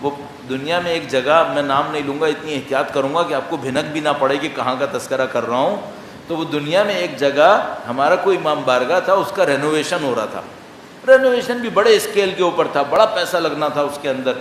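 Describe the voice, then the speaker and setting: A man with a Pakistani Urdu accent delivers a majlis sermon in a big echoey hall, his voice sitting a little high for a man. He moves between rhetorical questions and recited Arabic lines. A faint hum of the room sits behind him. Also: a bit bright. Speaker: Shia preacher. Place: large hall.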